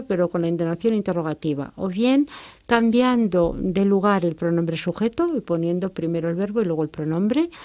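A woman teaching French, explaining sounds and grammar with a clear, careful delivery and French examples. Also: mid-range voice, mellow.

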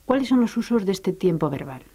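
A woman co-presenting a grammar lesson, asking measured questions that prompt the explanations. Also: mid-range voice, very animated, dark tone, breathy edge. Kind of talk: educational radio lesson.

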